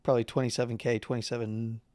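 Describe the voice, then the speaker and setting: A man hosting a live market analysis stream who is losing his voice, talking casually through chart levels with halting fillers and the odd throat-clear. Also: medium pitch, flat delivery, darkish tone, no room sound. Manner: halting, with fillers and number readouts; clears throat and coughs now and then.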